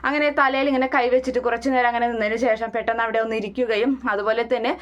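A woman's voice: a little high, flat delivery, fast talker, dull audio. A woman casually recapping a TV serial episode in a run-on retelling, quoting the characters' lines as she goes.

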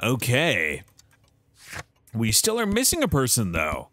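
A male streamer plays a detective game live and talks through the clues as he goes. His voice sits at an ordinary pitch but swings up and down a lot, and he breaks off and restarts his sentences often while thinking aloud. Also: huge pitch swings, takes it slowly, fairly bright tone, a little hiss or hum.

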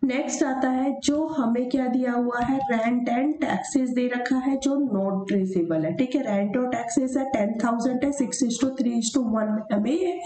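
A woman teacher talking through a worked problem over handwritten notes. She asks questions and answers them herself, and slows down to read the question word by word. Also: fairly high pitch, dark tone, roomy sound, a little hiss or hum, poor audio. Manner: reads the question slowly, then explains step by step. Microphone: voice-over of screen notes.

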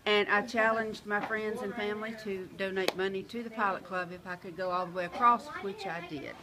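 A woman's voice: medium pitch, brisk, very noisy. A woman in her sixties giving casual, somewhat hesitant interview answers. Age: 60s. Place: outdoors by a building entrance. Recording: outdoor crowd behind.

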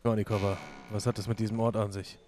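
A man's voice: fairly low pitch, flat delivery, quick pace, darkish tone, soft background music, close to an everyday voice. A man playing an agitated, foul-mouthed prisoner in improvised online role-play, blunt and exasperated. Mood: wary. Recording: game audio with noise and clicks.

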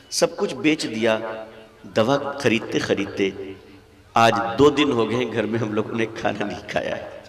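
A man's voice: mid-range voice, a bit bright. A male cleric, in a sermon, voicing a poor old woman who pleads for help, in a hall with a long echo.

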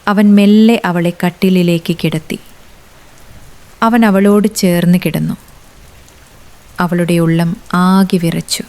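Slow, measured woman reading a romance. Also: on the low side, fairly even intonation, a little mellow. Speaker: story narrator. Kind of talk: scripted narration of a romance story.

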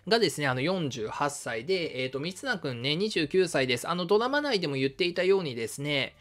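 A man's voice: sing-song, fast talker, fairly bright tone. Male live-stream host, casual and chatty, lots of "um"s, lightish voice. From Shizuoka, Japan. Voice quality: fairly high voice for a man. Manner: casual, many fillers, friendly and chatty. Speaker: history channel host. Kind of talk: live-stream chat reading viewer comments.

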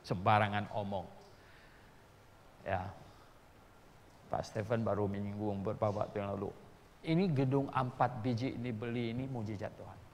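A man, a pastor, telling a story in a sermon and acting out the dialogue with lively shifts. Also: lowish voice, moderate pace, long pauses, in a large hall, slight background noise. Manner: animated storyteller acting out dialogue, shouting at peaks.

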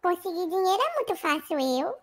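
A very high, piping little girl's voice, sweet and polite on the surface but a devil's doll underneath. She speaks with a Brazilian accent in a childish sing-song lilt, in a role-play game. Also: sing-song, brisk, no echo, studio quality. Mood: childish scheming. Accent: Brazilian Portuguese.

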